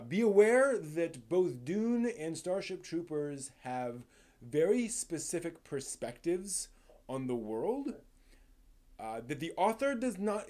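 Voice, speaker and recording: A man runs a live stream, chatting off the cuff with his viewers in a slightly high, darkish voice. He thinks aloud in a halting way, often rephrasing mid-sentence.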